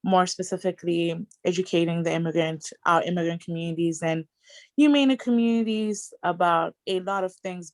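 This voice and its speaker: A woman introducing herself on a video call in a polite, slightly formal way. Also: fairly low pitch. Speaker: program coordinator.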